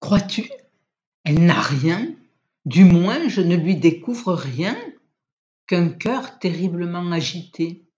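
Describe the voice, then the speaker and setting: A reader voicing a tense young husband. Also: male voice, high voice, big pitch swings, takes it slowly, pauses often, muffled recording, full character voice. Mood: anxious. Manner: urgent, sharp and insistent. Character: anxious young husband doting on his cat.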